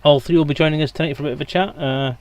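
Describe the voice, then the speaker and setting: A man with a slightly high, darkish voice talks rapid-fire in a steady tone. He's hosting a live stream on a headset mic, rambling casually to viewers, joking and wandering off on tangents.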